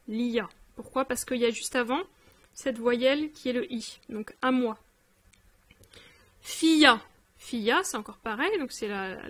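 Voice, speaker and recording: A woman teaching a grammar lesson, explaining patiently, repeating examples and addressing the learner informally. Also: high voice. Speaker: language teacher.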